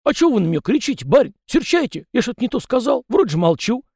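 Man doing a high chatty house spirit. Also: very animated, fast, darkish tone, husky, dry recording, studio quality, exaggerated voice. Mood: wailing. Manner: garrulous, fretful, rustic folksy speech.

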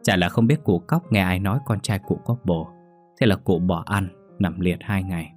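Guy narrating a story, lowish voice, lively reading, soft piano behind. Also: moderate pace. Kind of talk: scripted narration. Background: faint piano music.

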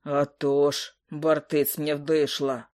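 Brief: woman voicing a low, gruff, blunt male troll cook from a storybook. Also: level tone, slow pace, darkish tone. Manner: folksy, blunt, phlegmatic.

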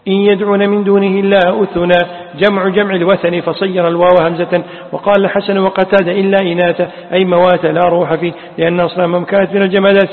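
A man teaching, reading classical Quran commentary aloud and chanting the quoted verses melodically. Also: high voice. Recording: tinny, echoey hall sound.

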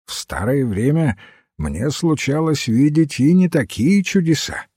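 A hoarse, curt old frontier veteran, read by a man in an audiobook. His voice is husky and mellow and his delivery is unhurried. The recording is dry and close. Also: on the high side, very animated, no echo, voice pushed up, exaggerated voice. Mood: musing. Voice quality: hoarse, growling. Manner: curt and grumbling. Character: gruff old male frontier veteran, touchy.

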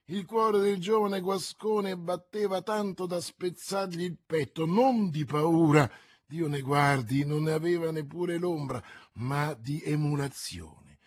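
A man narrating an adventure novel aloud in a theatrical, unhurried reading style. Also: on the high side. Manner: theatrical, unhurried, swelling with the action. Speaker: audiobook narrator. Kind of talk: dramatic audiobook reading.

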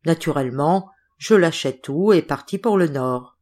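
Lady reading a story out loud, steady and expressive, kinda low pitched. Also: moderate pace. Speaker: audiobook reader. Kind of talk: storybook narration.

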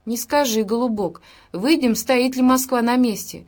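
A woman's voice: fairly high pitch, normal speed, darkish tone, voice pushed up, natural voice. A woman voicing a fretful, rambling old widow in a bomb shelter, talking in a folksy, lisping way.

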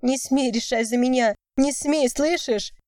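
A woman's voice: sits high, unhurried, darkish tone, no echo, clean studio sound, pitched above the performer's own voice. A woman voicing a tearful young woman pleading with her lover in an audiobook.

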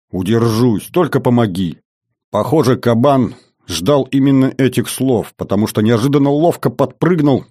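A man narrating an adventure audiobook in an even storytelling manner. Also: lowish voice, dry recording, studio quality.

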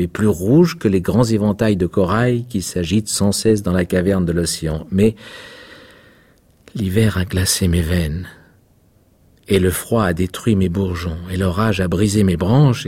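Man voicing a grave red rosebush, slow, hushed, very husky. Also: deep voice. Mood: mournful.

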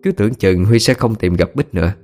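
A man narrating a story as an audiobook reader, steady and expressive. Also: fairly low pitch, a little fast, soft background music.

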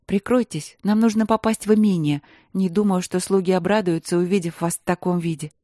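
A narrator putting on a young princess whose voice rises higher and plaintive, soft and sometimes almost a whisper. The tone stays mellow and dry, close to the microphone. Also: steady tone, a little fast, no echo, natural voice. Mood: resolute. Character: young princess, frightened yet bold. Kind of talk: audiobook reading.

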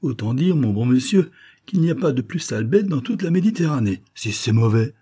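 A man voicing a cheeky, mocking young ship's boy with a raised, excited voice. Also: fairly quick, husky. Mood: teasing. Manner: high, excited, teasing.

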